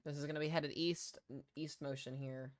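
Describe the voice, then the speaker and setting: Clear-voiced man calling live storm coverage. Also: fairly high pitch, fairly even intonation, normal speed. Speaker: severe weather livestream host.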